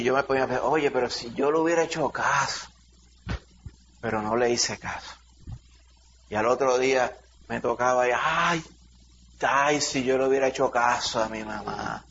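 A middle-aged Dominican pastor with a mid-range voice and vocal fry leads a Bible study, preaching through a lively childhood story punctuated by shouted sound effects. The recording sounds dull and lo-fi, with a faint hiss.

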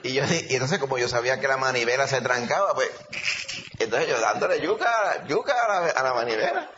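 A man preaching an animated sermon, telling stories and calling listeners brother. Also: mid-range voice, a little fast, noisy background. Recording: dull lo-fi recording, faint ambience.

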